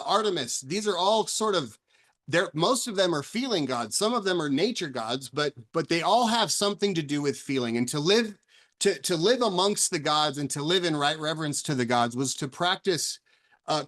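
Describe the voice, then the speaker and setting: A man's voice: fairly high pitch, fairly bright tone. A man giving a reflective solo talk on recovery, earnest and personal, often restarting and repeating words as he thinks aloud. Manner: personal and searching, asks questions aloud. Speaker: author and speaker on recovery.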